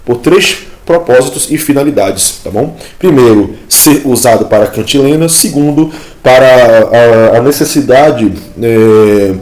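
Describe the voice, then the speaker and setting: A man's voice: mid-range voice, a little mellow. Man teaching Hebrew grammar in an echoey room. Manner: explains step by step with many "né?" and "tá bom?" checks; points at text on screen while explaining. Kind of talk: explanatory lesson. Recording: echoey room, faint music behind.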